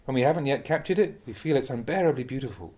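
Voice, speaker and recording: Here a monk reads Buddhist teachings from a translation, his voice pitched in the middle range. It sounds like an audiobook version of a spoken dharma talk, delivered with measured expressiveness.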